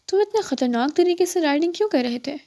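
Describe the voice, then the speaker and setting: A woman's voice: very high-pitched, lively intonation, warm tone, pitched above the performer's own voice. A woman voicing a chatty, friendly young woman who likes to boss others, speaking eagerly in an audiobook.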